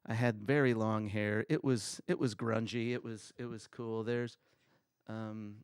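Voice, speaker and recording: A middle-aged man with a raspy voice who hosts his own livestream, chatting casually and rambling in a self-deprecating way. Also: on the low side, steady tone, measured pace, no echo, studio quality.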